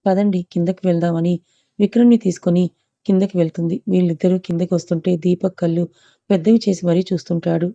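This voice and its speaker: A woman narrating an audio story in a steady, even reading manner. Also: fairly low pitch, fast talker, vocal fry, dry recording, dull audio.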